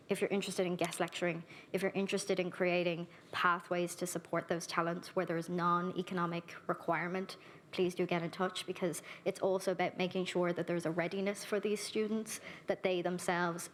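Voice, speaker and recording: There's a little hiss or hum on the recording of this Irish woman, whose voice runs lowish. In a conference hall she earnestly gives a keynote, then takes questions from the audience on a handheld microphone, speaking with warm directness and rattling briskly through lists.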